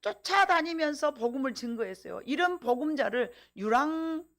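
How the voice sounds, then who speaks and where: A middle-aged woman pastor delivers a sermon in a high voice. She preaches with emphasis and often turns to the congregation with rhetorical questions. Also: lively intonation, moderate pace, a bit bright.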